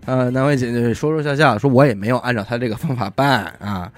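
A man's voice: medium pitch, fast talker, soft background music. A man, hosting a podcast and retelling a story in casual chat, often dropping in little 'ai' interjections. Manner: lively retelling with frequent 'ai' interjections and laughs. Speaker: podcast host.

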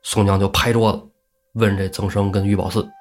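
A man casually retelling a classic tale on a podcast, lively and acting out the characters' lines. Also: fairly quick, faint music behind. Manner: lively, acts out characters' lines with raised pitch. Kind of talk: casual comic storytelling.

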